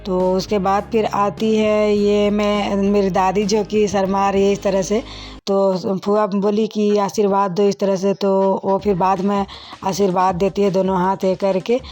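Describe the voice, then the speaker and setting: A woman's voice: mid-range voice, little pitch movement, measured pace, a little mellow, faint music behind. A young woman, narrating her own wedding video in a casual, chatty voice-over and talking straight to her viewers as friends. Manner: chatty, addresses viewers as friends, many fillers.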